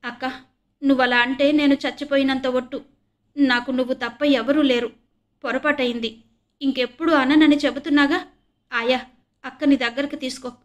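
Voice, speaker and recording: A crippled teenage boy, voiced by a woman reader, pleads through tears in a storybook drama. His voice sits high and strained, carried on with a narrator's clarity. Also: flat delivery, unhurried, long pauses, close to an everyday voice. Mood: pleading. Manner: pleading, tearful.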